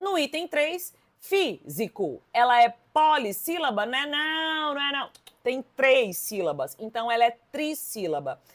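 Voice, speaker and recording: A lively Brazilian woman leads an exam-prep grammar lesson. Her voice sits a little high, and she stresses key words as she speaks to her students. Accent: Brazilian Portuguese. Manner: lively, emphatic, addresses students directly. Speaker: Portuguese teacher.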